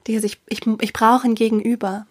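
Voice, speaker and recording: A middle-aged woman telling a personal story with emotion, haltingly, with fillers and restarts, often dropping to a whisper for emphasis. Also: a little high, flat delivery, no echo, studio quality.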